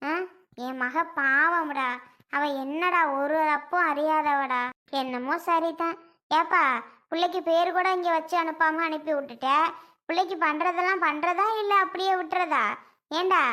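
A woman playing a fussy, sharp-tongued old grandmother, scolding and complaining in a family comedy skit. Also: extremely high pitch, fairly even intonation, moderate pace.

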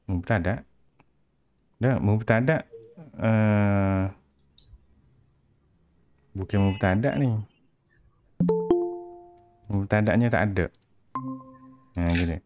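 Low-pitched Kelantanese Malay man tutoring. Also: extremely slow, pauses often, darkish tone, soft background music. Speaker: Arabic grammar teacher. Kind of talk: informal interactive tutoring. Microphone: headset.

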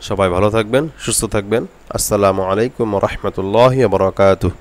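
A man's voice: on the low side, fairly even intonation, quick pace. A man with a Bangladeshi Bengali accent teaching a Quran recitation lesson, patiently repeating each letter sound several times for drilling.

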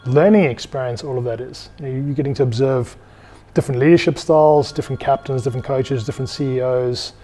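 A man's voice: mid-range voice, steady tone, quick pace, mellow, soft background music. A man in his thirties from South Africa, speaking reflectively and articulately as an interview guest. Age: 30s. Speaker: interview guest, former professional rugby player. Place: indoors in an empty bar. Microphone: clip-on lapel mic.

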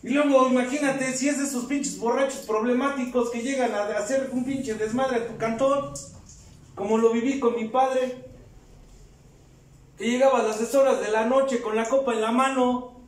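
A man's voice: extremely high pitch, steady tone, normal speed. A man with a Mexican accent giving an emotional personal testimony at a recovery group meeting, speaking straight to the group. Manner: impassioned, addresses the group directly as "compañeros" and "güey". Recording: very echoey hall, voice heard from far off.

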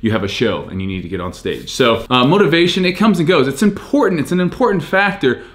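A man's voice: on the high side, quick pace. Fitness vlogger, 30s male, punchy and repetitive, filmed close in a small room. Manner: energetic, emphatic, repeats key phrases. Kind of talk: casual motivational talk to camera.

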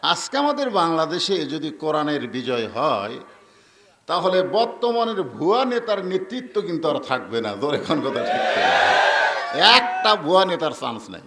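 A man's voice: fairly high pitch, very animated, moderate pace. A man with a Bangladeshi Bengali accent preaching a waz sermon, telling stories and asking the crowd to answer back. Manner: storytelling, asks the crowd for responses. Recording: echoey hall with long reverb.

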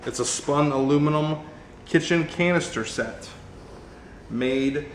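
A man's voice: on the high side, slow, a little hiss or hum. Upbeat man presenting auction items. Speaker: auction host. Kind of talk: auction preview walkthrough. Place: large warehouse showroom. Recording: echoey warehouse room, faint ambience.

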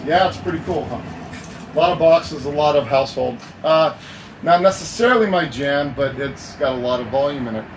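A middle-aged man hosting a storage-auction video, explaining tips in an animated, gesturing way outdoors at a metal storage unit. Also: fairly high pitch, brisk. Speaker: storage unit reseller and host. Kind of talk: casual on-camera explaining. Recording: noticeable outdoor background noise.

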